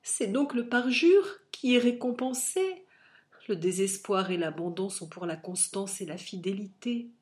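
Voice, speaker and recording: A woman reading aloud, voicing a heartbroken young nobleman who pleads and reproaches in a slow, impassioned, declamatory way. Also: mid-range voice, lively intonation, darkish tone, lightly acted. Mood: bitter reproach.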